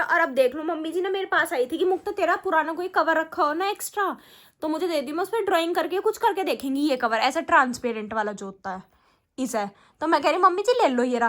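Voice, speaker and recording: A woman's voice: extremely high pitch, fairly bright tone. A young woman chatting through a casual family vlog, narrating with laughs. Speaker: family vlogger.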